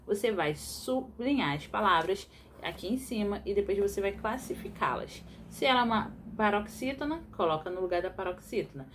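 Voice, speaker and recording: A woman teaching young children, mid-pitched and patient. She explains step by step and keeps checking that the class follows. A faint hiss of background noise sits under the recording. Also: lively intonation, moderate pace. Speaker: primary school teacher.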